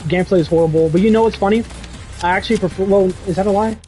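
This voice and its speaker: A young man chats on his livestream, rambling and excitable. His voice sits a little high but sounds mellow and soft-edged. Faint music plays underneath. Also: rapid-fire. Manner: rambling, excitable, says dude and bro a lot. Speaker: streamer reading chat. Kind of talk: casual livestream chat.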